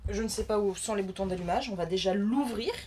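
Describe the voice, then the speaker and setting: A woman's voice: mid-range voice, fast talker, warm tone, slight background noise. A woman from France giving casual, chatty unboxing commentary, thinking aloud as she handles a new crafting machine. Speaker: crafting vlogger.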